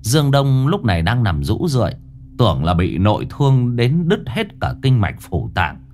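A man narrating a ghost story in a dramatic, expressive way. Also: medium pitch, moderate pace.

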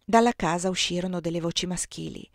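A woman reading a novel aloud in calm, even narration. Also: lowish voice, a little fast, vocal fry, dry recording, clean studio sound. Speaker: audiobook reader.

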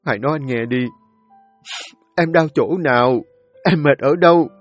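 A man's voice: mid-range voice, moderate pace, darkish tone, dry recording, soft background music, close to an everyday voice. A man voicing a grief-stricken young husband who pleads tearfully with his dying wife. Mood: tender pleading. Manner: sobbing, pleading, voice breaking.

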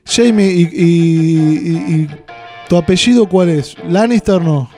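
A male radio host with an Argentine accent and a high-pitched voice. He chats casually and jokingly at a studio microphone, with some music underneath. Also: slow, dark tone. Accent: Argentine Spanish.

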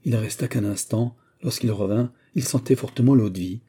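A man narrating an audiobook in the first person, reading in a steady, measured way. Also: on the low side, husky.

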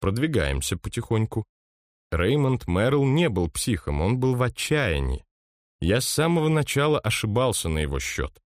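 A man narrating an audiobook in the first person with measured, steady storytelling. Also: medium pitch, no echo, clean studio sound.

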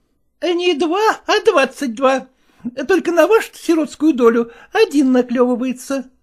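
A woman's voice: high voice, lively intonation, a little slow. A woman reading a story aloud, voicing a chatty, bustling old matchmaker. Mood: teasing. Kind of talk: audiobook character voice.

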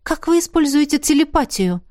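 Woman reading as a spirited young heroine, eager and urgent, high bright voice, dry. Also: moderate pace, no echo, close to an everyday voice. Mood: startled.

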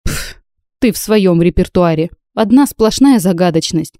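A woman voicing a sharp-tongued, stubborn young heroine in an audiobook, her retorts indignant and sarcastic. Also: lowish voice, animated, a little slow, dry recording, clean studio sound.

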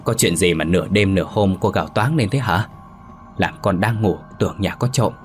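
Man voicing worried young niece, raised pitch, coaxing, anxious, horror-story reading. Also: normal speed, faint music behind, natural voice. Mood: alarmed.

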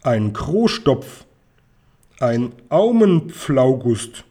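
Guy reading a cheeky eager storybook boy, kinda husky. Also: mid-range voice, sing-song, extremely slow, mellow, exaggerated voice. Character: cheeky eager boy playing word games.

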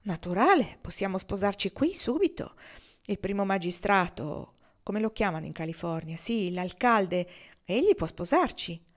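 A woman's voice: medium pitch, animated, normal speed, close to an everyday voice. A woman reading the lines of an earnest young woman in love who speaks with blunt frankness. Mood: insistent. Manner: frank, direct.

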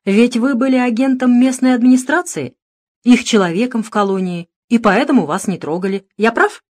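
A woman's voice: on the high side, normal speed, darkish tone, dry recording, clean studio sound, voice pushed up, close to an everyday voice. A woman voicing a cool, mocking male private detective in an audiobook, speaking sternly. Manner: stern, needling. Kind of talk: audiobook narration.

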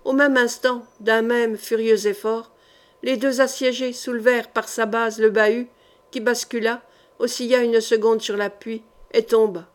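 Woman narrator, audiobook, slightly high voice, measured and dramatic. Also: little pitch movement.

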